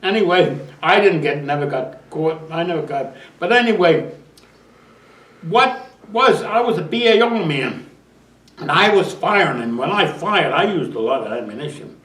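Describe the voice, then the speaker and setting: A man's voice: a little high, expressive, normal speed, a bit bright, reverberant, recorded from a distance, poor audio. An older man, a veteran, telling his memories in a rambling oral history interview, often restarting and chuckling. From United States.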